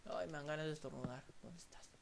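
A man with a Mexican Spanish accent, casually commentating his own gameplay to viewers with lots of swearing and excited outbursts. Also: fairly high pitch, quick pace, vocal fry, background noise. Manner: profane, excitable, talks to viewers while playing. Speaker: gameplay channel host.

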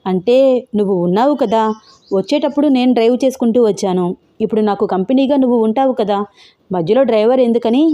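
A woman's voice: on the high side, fast talker, dark tone, close to an everyday voice. A woman voicing a bold, playful young woman who teases her friend in an audio story. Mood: cheerful. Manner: teasing, cheerful.

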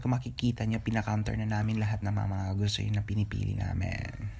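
A man's voice: mid-range voice, vocal fry, darkish tone, a little hiss or hum. A man narrating a grocery vlog in a joking, self-mocking way, laughing often. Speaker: vlogger. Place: indoors at a grocery store.

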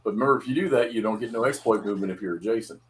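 A man's voice: fairly low pitch, very fast. A man explaining wargame rules to a fellow player in casual chat. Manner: explains game rules patiently.

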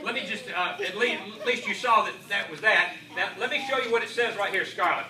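Middle-aged male kids' party magician, high voice, playful exclaiming patter, heard from across a room with an audience. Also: brisk, pushed and bright. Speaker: children's magician. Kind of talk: live stage magic show for children. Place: school library room, indoors. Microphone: camera at a distance. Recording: echoey room, distant camera, audience noise. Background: audience of children.

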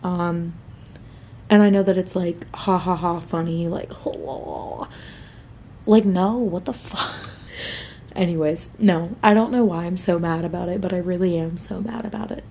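A woman's voice: fairly low pitch, steady tone, measured pace, mellow, a little hiss or hum. A young adult woman vlogging from home in a rambling casual chat, often saying "like". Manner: chatty and rambling, fond of saying "like".

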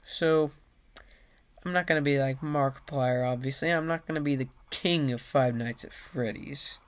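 A man's voice: medium pitch, normal speed, clear, resonant tone. A man playing a horror game and talking over it in rambling, self-mocking commentary, easily frustrated. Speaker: gaming video host. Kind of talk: let's play commentary. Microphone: desk mic with face cam.

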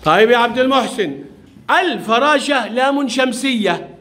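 High-voiced teacher quizzing kids. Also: male voice, expressive, normal speed. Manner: patient, quizzing, praising and gently scolding. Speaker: primary school teacher. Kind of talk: classroom questioning of young pupils. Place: classroom.

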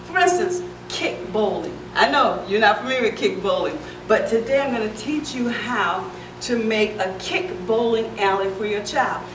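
A woman's voice: medium pitch, normal speed, background noise. A middle-aged woman who runs a children's center, chatting through a casual how-to demonstration, often restarting her sentences. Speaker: founder and director of a center for children. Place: large indoor playroom. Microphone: camera microphone from across the room. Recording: echoey room heard from a distance.

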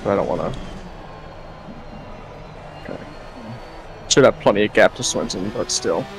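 Male teammate, blunt and relaxed, slightly noisy line. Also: fairly low pitch, moderate pace. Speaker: teammate on voice chat. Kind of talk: casual team chat while racing.

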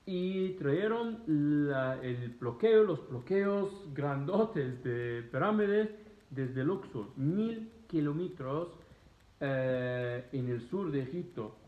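Filming himself on a phone at arm's length in his living room, an Egyptian travel vlogger in his thirties answers viewer questions in Spanish, a second language after his native Arabic. He talks casually and slowly in a slightly high voice, animated and gesturing. The sound is tinny and phone-like in an echoey room.

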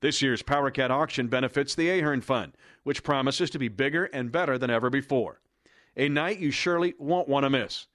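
A man's voice: mid-range voice, fairly quick, fairly bright tone, dry recording, clean studio sound. A man reading an enthusiastic scripted promo voice-over in an announcer's delivery. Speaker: promo narrator.

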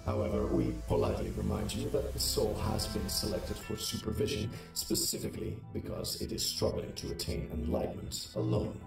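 A man voicing a calm, formal male AI administrator in a game, with an echoing, processed robot voice and a measured, instructive manner. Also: on the low side, gravelly. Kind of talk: game voice acting. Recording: heavy echo, distant, game music behind.

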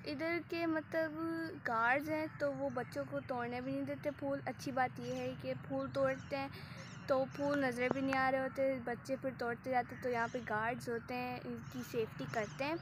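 A woman with a hoarse throat, chatting casually on a walking vlog in a park. She mixes English words into her talk and sounds a little shy. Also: high voice, flat delivery, normal speed. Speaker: vlogger. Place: outdoor city park. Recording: noisy outdoor phone recording. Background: open-air park ambience.

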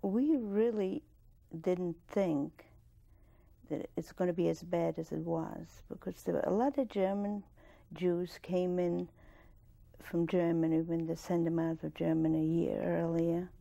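Her voice is gravelly, low-ish, and steady: an older woman from Poland, in her sixties, interviewed for an oral history as a Holocaust survivor. Plain-spoken and measured, she restarts sentences now and then and laughs softly. A lapel mic captures her in a studio against a dark curtain.

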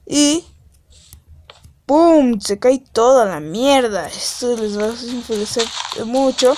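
Woman, game channel host, higher voice, unhurried rambling tutorial chat. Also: a little mellow. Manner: rambling, chatty, self-deprecating asides.

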